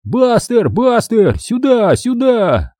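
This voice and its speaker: A man voicing a panicky boy who pleads and shouts excitedly. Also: sits high, a little slow, husky, no echo, studio quality, pitched above the performer's own voice, full character voice. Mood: desperate pleading.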